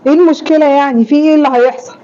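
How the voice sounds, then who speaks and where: A woman's voice: high-pitched, fairly even intonation, very fast, dark tone, lo-fi sound, natural voice. An Egyptian woman playing a rude, defiant young daughter-in-law who answers with blunt, dismissive retorts in a homemade family sketch. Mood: defiant, scornful. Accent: Egyptian Arabic.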